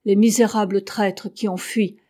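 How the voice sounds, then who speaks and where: A woman voicing a loyal, gruff old male sailor in an audiobook, reading in an earnest, grave way. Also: mid-range voice, fairly even intonation, a little slow, warm tone, close to an everyday voice.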